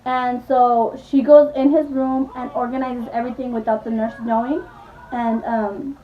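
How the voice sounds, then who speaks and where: A woman's voice: on the high side, little pitch movement, moderate pace, recorded from a distance, slight background noise. A woman vlogger casually retelling a movie plot, rambling with lots of "like" and acting out the characters' lines. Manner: rambling, full of "like", acts out quotes. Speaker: beauty vlogger. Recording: echoey room, voice from off-mic, dull sound.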